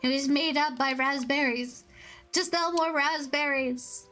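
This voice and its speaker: Streamer, female, unhurried giggly chat over soft music, self-deprecating. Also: sits high, fairly even intonation. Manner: rambling, giggly, self-mocking. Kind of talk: casual game stream chat. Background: soft background music.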